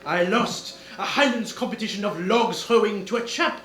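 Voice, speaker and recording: An actor playing a pompous French-Canadian detective with a put-on accent in an old-time radio comedy stage show, theatrical and full of fillers. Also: male voice, high-pitched, moderate pace, fairly bright tone. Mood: smug. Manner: theatrical, hesitant with many fillers. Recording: roomy live stage recording.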